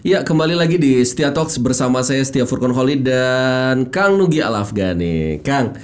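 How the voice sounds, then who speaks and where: A man's voice: medium pitch, lively intonation. Eager, laughing male podcast host. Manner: eager, laughing, quick interjections. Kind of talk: casual interview chat.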